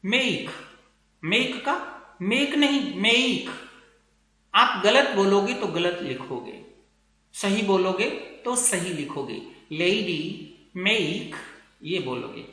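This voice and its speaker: A man teaching English pronunciation in a video lesson, explaining slowly and checking with his students again and again. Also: sits high, sing-song, bright, forceful tone. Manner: explains slowly, repeats words and checks with "theek hai na". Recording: very echoey room.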